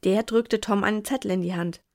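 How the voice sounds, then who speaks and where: A woman's voice: medium pitch, fairly even intonation, brisk, creaky. Woman reading a Christmas story. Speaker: narrator.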